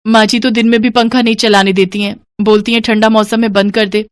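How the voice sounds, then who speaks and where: A woman voicing a put-upon young daughter-in-law in a cartoon, complaining and pleading in a higher voice. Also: flat delivery, fairly quick, no room sound, lightly acted.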